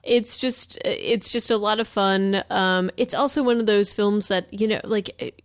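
Female podcast co-host, easygoing and talkative, clear voice, dry close mic. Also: mid-range voice, unhurried, no echo. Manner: relaxed and talkative, with many fillers. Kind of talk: casual chat.

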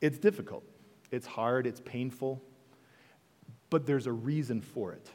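A man's voice: medium pitch, a little slow, long reverb tail. A male pastor preaching a sermon in a church, conversational and full of rhetorical questions. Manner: conversational preaching, rhetorical questions, dips soft then rises.

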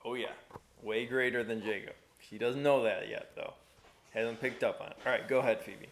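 A man's voice: mid-range voice, steady tone, normal speed, echoey room, slight background noise. A man leading a Bible study class in a conversational way, asking the class questions.

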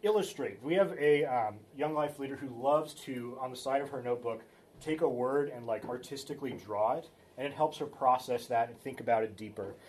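Male Bible study teacher, easygoing talk, mid-pitched voice, stops and restarts often. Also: brisk, darkish tone, slight background noise. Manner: conversational, loose, with many fillers and restarts.

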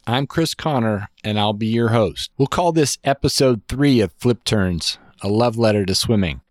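Guy hosting a podcast, calm read-through intro, kinda low voice, dead dry sound. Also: moderate pace, no echo. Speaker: podcast host. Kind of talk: scripted narration.

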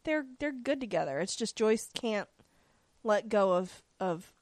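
A woman with a Southern US accent co-hosting a casual podcast, chatty and quick to swear. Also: mid-range voice, expressive, darkish tone, dry recording. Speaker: podcast co-host.

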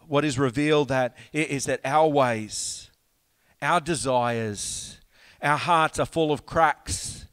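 A man preaching a sermon in a slow, deliberate way, with long pauses, swelling louder for emphasis and then dropping quiet. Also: medium pitch, in a large hall.

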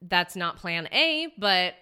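A woman's voice: on the low side, very animated, takes it slowly, sharp tone, clear, resonant tone. A woman in her twenties, a podcast guest talking about her acting career in an earnest, rambling way, full of likes and restarts. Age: 20s. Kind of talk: casual podcast interview.

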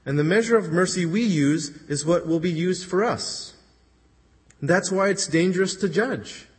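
Husky-voiced man preaching in a reverberant hall. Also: sits high, normal speed. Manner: earnest, conversational retelling with quoted voices. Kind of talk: sermon.

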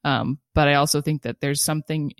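A woman's voice: low-pitched, steady tone, brisk, no room sound, studio quality. A woman from California with an American accent, talking casually as a podcast co-host. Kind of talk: casual chat.

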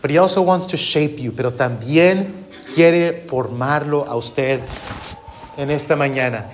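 A man preaches a sermon, moving line by line between two languages as he translates himself. His voice sits a little higher than most men's, and he speaks slowly and deliberately. He lifts his voice earnestly on the words he wants to stress. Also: a little hiss or hum. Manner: switches between English and Spanish line by line, earnest, lively rises on key words. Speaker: pastor.

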